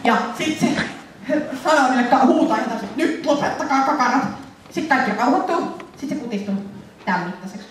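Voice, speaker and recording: Animated Finnish woman in an echoey hall. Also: on the high side. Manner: animated, laughing, acts out scenes in funny voices. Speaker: convention panel presenter. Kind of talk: lively convention talk to an audience. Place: convention hall with audience. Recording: echoey hall, voice from far off, faint noise.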